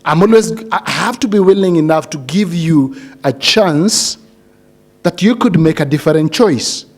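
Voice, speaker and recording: This middle-aged Kenyan man has a fairly high voice with lively intonation and a slightly slow pace. He addresses a graduating cohort seated before him in an earnest motivational speech, frequently repeating phrases and putting questions to the audience.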